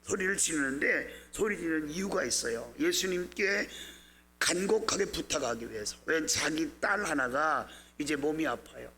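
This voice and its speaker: A man's voice: animated, normal speed, pushed and bright, a little hiss or hum. A male pastor delivering a Sunday sermon, asking the congregation questions and acting out the quoted lines with emphatic rises. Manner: preaching with rhetorical questions to the congregation; acts out quoted speech with rising, emphatic pitch.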